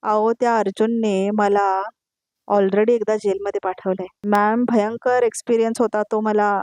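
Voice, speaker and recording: A woman's voice: medium pitch, level tone, moderate pace, a little mellow, no echo, natural voice. A woman reading out the lines of an anxious young female client who pleads and apologizes, recorded close and dry. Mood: pleading.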